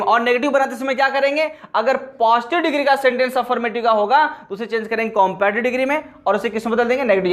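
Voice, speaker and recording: Teacher, male, high-pitched, repetitive question-and-answer lesson delivery. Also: fairly bright tone. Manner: asks questions and answers them himself, repeating key points. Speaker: English grammar teacher. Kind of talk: classroom lesson explaining grammar.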